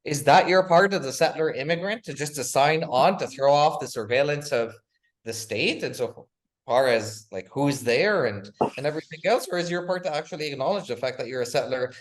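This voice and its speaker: A man's voice: on the high side, expressive, fairly quick, a little hiss or hum. A man speaking as a guest author in an interview, talking with passion and rhetorical force, leaning on repeated "again" and "right?" as he presses his points. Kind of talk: impassioned interview talk.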